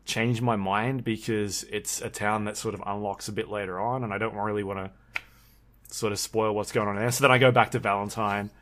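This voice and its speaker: A man with a fairly low voice co-hosts a podcast in a relaxed chat. He meanders through his points, with frequent ums and self-corrections. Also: a little fast. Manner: rambling, with many ums and restarts. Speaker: podcast co-host. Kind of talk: casual chat.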